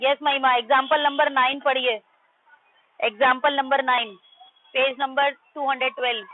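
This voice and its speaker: A woman's voice: high voice, flat delivery, moderate pace, no room sound. A woman teacher giving a math class in Hindi-English mix, firmly correcting her pupils' pronunciation and quizzing them. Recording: tinny phone-like line.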